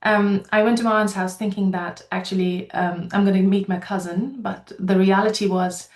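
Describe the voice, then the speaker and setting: A woman's voice: medium pitch, steady tone, moderate pace, roomy sound. Nepali-accented woman telling a personal story. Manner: earnest, personal storytelling with frequent ums. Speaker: company founder and guest speaker. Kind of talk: webinar talk.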